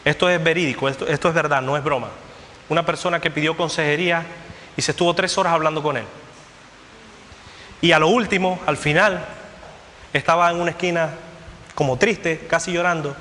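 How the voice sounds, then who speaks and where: A man's voice: on the high side, fairly even intonation, brisk, pauses often, bright, forceful tone, long reverb tail, slight background noise. A man preaching a sermon as pastor, driving his points home with an emphatic, repetitive cadence. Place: church hall.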